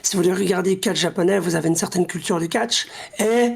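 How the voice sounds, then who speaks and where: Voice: medium pitch, fairly quick, creaky, slightly rough. A podcast co-host chatting casually and enthusiastically, sometimes searching for words. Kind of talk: casual chat.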